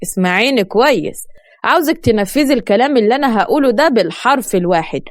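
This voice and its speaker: A woman doing a calm scheming Egyptian man. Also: fast talker, no room sound, close to an everyday voice. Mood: conspiring. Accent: Egyptian Arabic. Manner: low, reassuring, conspiratorial.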